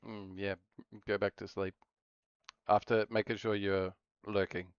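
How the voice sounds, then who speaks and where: A man's voice: on the low side, level tone, measured pace, clear, resonant tone, dry recording, dull audio. A man streaming a game, chatting casually with viewers and rambling to himself as he plays. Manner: rambling, talks to himself while playing. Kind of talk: casual live-stream chat.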